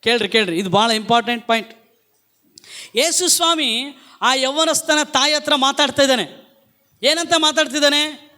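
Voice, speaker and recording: A man's voice: extremely high pitch, normal speed, pauses often, pushed and bright. A male pastor, preaching emphatically at a church service and calling the congregation to repeat after him. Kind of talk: Pentecostal-style sermon.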